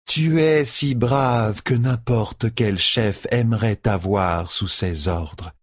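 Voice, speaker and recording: A man voicing a stern, terse foreign woman warrior in an audiobook, speaking slowly and gravely in a hushed tone. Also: fairly low pitch, no room sound, studio quality, voice pushed up. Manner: slow, weighty, hushed delivery. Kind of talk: audiobook character voice.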